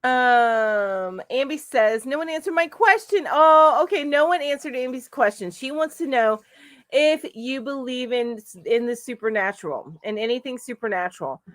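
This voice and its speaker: A woman's voice: sits high, animated, normal speed, fairly bright tone, no echo, clean studio sound. Chatty woman hosting a live stream. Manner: chatty, reads comments aloud with frequent fillers. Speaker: crochet channel host. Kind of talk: live-stream chat reading viewer comments. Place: home.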